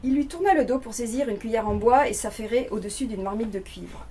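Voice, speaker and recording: A woman reading extracts of a novel aloud in a measured way at a bookshop event. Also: on the high side, mellow, slight background noise. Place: bookshop reading before an audience.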